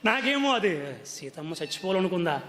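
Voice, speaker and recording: Man, very high voice, devotional discourse, earnest storytelling, long hall reverb. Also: sing-song, brisk, fairly bright tone. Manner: explains earnestly, often coaxes listeners with "andi". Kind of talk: religious discourse.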